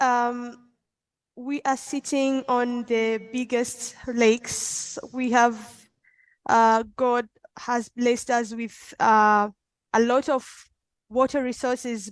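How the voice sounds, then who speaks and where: Female panelist, Tanzanian accent, high pitch, very unhurried and halting delivery. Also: no room sound. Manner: halting, with frequent pauses. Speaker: conference panelist. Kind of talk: unscripted panel answer.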